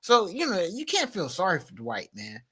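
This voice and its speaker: Slangy bright-voiced male podcast co-host. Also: high-pitched, wildly swooping pitch, moderate pace, breathy edge. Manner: slangy, loose, rambling with fillers. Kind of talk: casual commentary chat.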